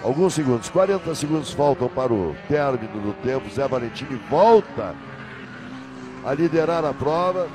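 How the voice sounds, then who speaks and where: A man's voice: medium pitch, expressive, moderate pace, over music. A man commentating live on a car race as a motorsport commentator, emphatic and repeating names and phrases. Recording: loud engine and trackside ambience noise.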